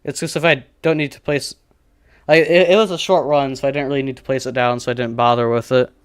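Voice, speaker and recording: A man's voice: mid-range voice, steady tone, fast talker, clean tone, no echo, clean studio sound. A man streaming a survival game, casually thinking aloud and joking at his own expense while he plays. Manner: rambling, self-deprecating, thinking aloud.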